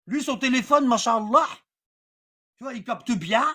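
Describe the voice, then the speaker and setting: A woman's voice: fairly high pitch, expressive, unhurried, sharp tone. A woman giving an informal live religious lesson in colloquial street slang, repeating phrases and often checking that listeners follow. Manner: repeats phrases and checks understanding with rhetorical questions. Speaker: religious teacher on a livestream.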